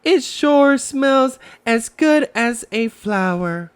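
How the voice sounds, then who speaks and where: A man's voice: extremely high pitch, expressive, takes it slowly, clean tone, pitched above the performer's own voice, full character voice. A man voicing a sweet, earnest little kangaroo child in a storybook. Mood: eager, sweet.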